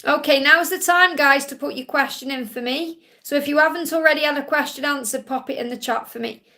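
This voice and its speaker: A psychic card reader from Stoke, England, with a Stoke accent, hosts a live Q&A giving spiritual readings to viewers. She's reassuring and keeps checking in with "okay?". Her voice is high, bright and pushed, at a fairly quick pace.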